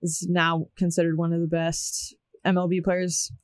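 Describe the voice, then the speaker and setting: A young podcast host leading a casual sports chat in an upbeat, brisk way. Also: mid-range voice, completely flat delivery, no echo.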